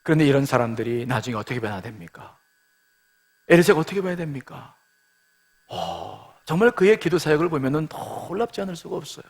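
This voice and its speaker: A man's voice: on the high side, very animated, fairly quick. A middle-aged male pastor giving a sermon in a conversational style that swells into emphatic passages.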